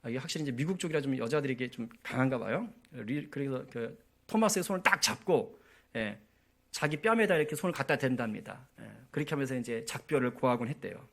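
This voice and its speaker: A man's voice: mid-range voice, expressive, quick pace, gravelly. A man preaching a sermon as pastor at a church prayer meeting, telling stories and often checking in with the congregation. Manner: storytelling, often asks the congregation for agreement.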